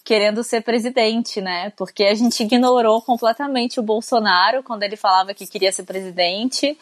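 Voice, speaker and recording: A sleepy Brazilian woman co-hosting a casual talk show, with a mid-pitched voice. She chats loosely and keeps checking in with her listener through tag questions. The sound is dry and close, with no room echo. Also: moderate pace. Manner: chatty, conversational, frequent tag questions. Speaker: co-host. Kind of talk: casual news commentary.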